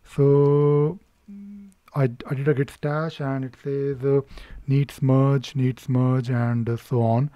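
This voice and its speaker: A man talking through a screen-recording tutorial unscripted, hesitant, pausing often on filler sounds and restarting his sentences as he works. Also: medium pitch, little pitch movement, warm tone, no room sound. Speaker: tutorial presenter.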